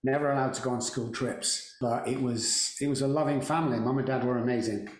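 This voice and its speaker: In an echoey room, an English podcast guest with a Mancunian accent spins casual stories for an interview, chatty and self-deprecatingly funny. He talks briskly, with a medium-pitched, steady tone.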